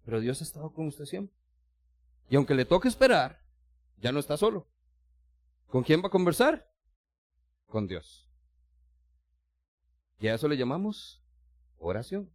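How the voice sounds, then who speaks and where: A man preaching a sermon in a friendly, conversational tone, talking straight to his listeners and acting out little everyday scenes as he goes. His voice sits a little high for a man. The sound is dry and close, with no room echo. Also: very animated, measured pace, long pauses. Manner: addresses listeners directly and formally.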